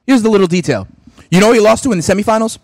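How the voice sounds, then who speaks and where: A man's voice: high voice, very fast, dry recording. A young man hosting a fantasy sports radio show, chatting casually and animatedly while opening gifts. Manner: animated, exclaiming, talks with mouth full.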